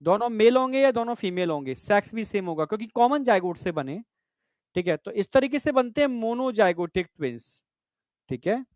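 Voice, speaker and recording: A man's voice: high-pitched, expressive, a little fast, no room sound, studio quality. A man teaching biology in a classroom lecture, explaining step by step and often checking that students understand. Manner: addresses students as "bhai" and "beta".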